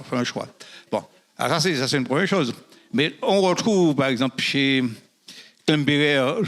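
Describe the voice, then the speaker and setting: Quick digressive man at a debate. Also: medium pitch, a bit bright. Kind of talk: public debate remarks.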